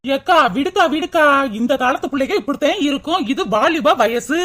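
A high, bright cartoon village girl voiced by a woman who is brisk and teasing, sure that she knows everything. She coaxes and needles in a southern Tamil Nadu rural dialect. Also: lively intonation. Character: bold, knowing young village woman.

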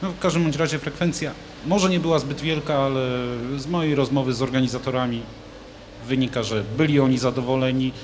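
A thirtysomething studio guest speaks a little fast in a steady, mid-range voice, rambling casually about a local event with lots of fillers and restarts. He holds a handmade handheld microphone in a large TV studio with a glass roof, and the audio is poor, with a little hiss or hum.

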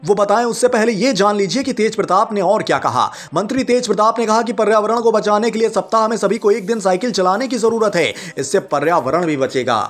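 A man reading a scripted Hindi news report as a voice-over, in a dramatic storytelling manner. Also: high-pitched.

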